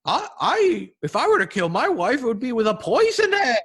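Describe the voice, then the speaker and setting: A high, squeaky Easter Bunny juror, as a man puts him on, in a bright, lively voice. The tone is an earnest podcast joke, with the pitch pushed well above his usual talk. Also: normal speed, breathy edge, heavily acted. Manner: comic character voice.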